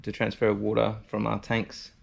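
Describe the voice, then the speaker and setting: Low, gravelly Kiwi man chatting casually. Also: monotone, moderate pace, slight background noise. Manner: laid-back, colloquial, slangy. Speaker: vlogger presenting a DIY video. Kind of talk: casual vlog chat.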